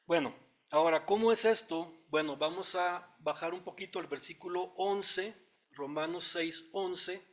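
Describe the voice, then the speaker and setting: A man with a Mexican Spanish accent preaching a Bible study sermon, explaining word meanings in a teacherly way, thinking aloud with small fillers, and reading scripture slowly. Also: sits high.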